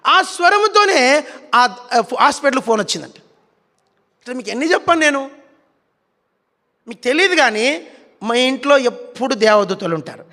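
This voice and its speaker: A man's voice: very high-pitched, expressive, normal speed, pauses often, pushed and bright. A man preaching a sermon in Telugu style, telling stories animatedly and acting out scenes. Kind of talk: sermon with storytelling. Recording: reverberant hall.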